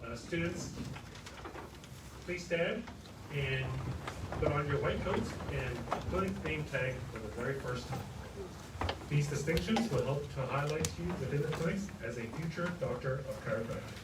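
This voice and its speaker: A man's voice: fairly high pitch, normal speed. Man addressing a ceremony in an echoing hall. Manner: plain, informal, with fillers. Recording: roomy, distant mic, noisy.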